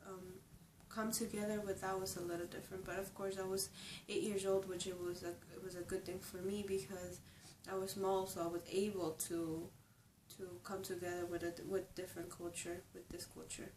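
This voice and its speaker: Young woman, from Ecuador, native Spanish speaker, halting personal interview, mic at a distance, echoey. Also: mid-range voice, little pitch movement, darkish tone, slight background noise. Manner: reflective, halting, frequent restarts. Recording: roomy echo, distant mic, faint ambience.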